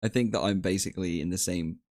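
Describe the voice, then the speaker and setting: A man's voice: sits low, quick pace, darkish tone, no room sound, studio quality. A man guesting on a live stream, easygoing and stumbling over his words. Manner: stammering restarts, easygoing. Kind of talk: casual chat.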